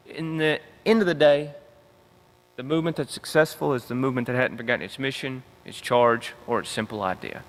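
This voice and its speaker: Man, fired-up convention speaker, bright forceful tone, reverberant hall, punchy repeated phrases. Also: fairly high pitch. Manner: emphatic, repetitive rallying cadence. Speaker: union veterans council director. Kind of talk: convention rally speech.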